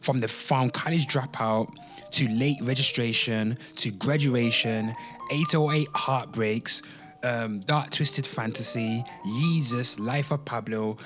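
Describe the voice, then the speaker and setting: A male streamer gives informal livestream commentary with his opinions and some reading aloud, speaking slowly at medium pitch with music behind him. He's emphatic and repetitive, talks straight to his listeners, and swears occasionally.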